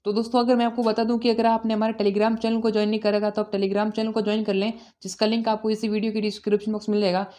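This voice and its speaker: A man's voice: high-pitched, monotone, fast, hardly any pauses, dark tone. Man as an online tutor walking through an exam paper, repetitive, asks himself questions and answers them. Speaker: teacher. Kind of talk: exam-prep video lesson.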